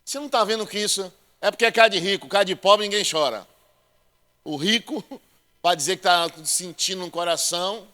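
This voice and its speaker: A male pastor preaching a sermon, joking with the congregation and calling them brother, swinging between loud proclaiming and quiet asides. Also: sits high, fairly quick. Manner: addresses listeners as brother.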